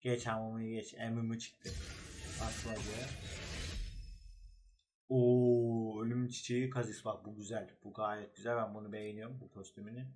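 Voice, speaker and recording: A man's voice: fairly low pitch, flat delivery, normal speed, a little mellow. A man giving casual gameplay commentary as a gaming YouTuber, talking in short, slangy, reactive remarks.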